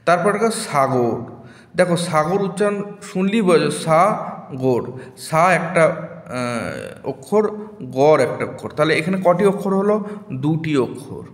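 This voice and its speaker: Male teacher, slightly high voice, patient and repetitive, echoey reverberant room. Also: animated. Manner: slow, repeats words syllable by syllable for children. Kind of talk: classroom grammar lesson.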